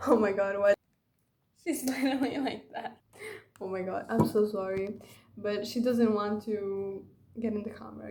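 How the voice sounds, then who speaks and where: A woman's voice: mid-range voice, a little mellow, a little hiss or hum. A young woman vlogging casually to camera, rambling and gushing with lots of fillers. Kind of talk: casual confessional vlog. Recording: echoey room.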